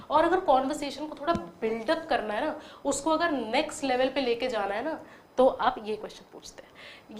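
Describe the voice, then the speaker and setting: A woman's voice: a little high, slight background noise. Woman teaching spoken English. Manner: explains patiently, models English phrases slowly with clear intonation. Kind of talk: online spoken-English lesson.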